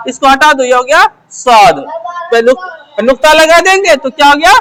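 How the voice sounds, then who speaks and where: A woman with a high voice teaches how letters are written, step by step. She keeps asking quick questions and answering them herself. She repeats her phrases as she works through each shape. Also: animated, fairly bright tone. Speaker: Urdu teacher. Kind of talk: letter-by-letter script lesson.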